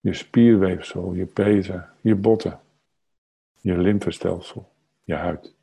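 Lage, krakerige mannenstem voor geleide meditatie. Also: male voice, low-pitched, vocal fry, slightly rough. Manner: calm, unhurried, short phrases with long pauses. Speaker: guided meditation leader. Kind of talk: slow guided meditation narration.

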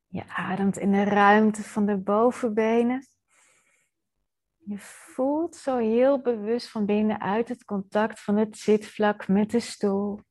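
A meditation teacher guides a body scan gently and soothingly, pausing often. Her voice is slightly husky and breathy, medium in pitch, with fairly even intonation.

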